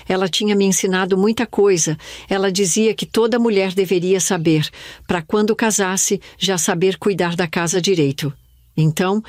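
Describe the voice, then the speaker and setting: An older woman from Brazil telling a sad childhood memory in first person, in a slow, somber storytelling manner. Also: on the low side, darkish tone, no room sound, studio quality. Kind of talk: scripted first-person narration.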